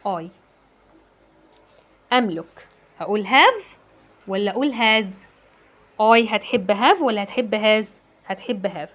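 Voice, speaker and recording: A woman's voice: mid-range voice, lo-fi sound. A woman with an Egyptian Arabic accent teaching English to children. She asks and answers her own questions and repeats key words. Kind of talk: classroom-style lesson explanation.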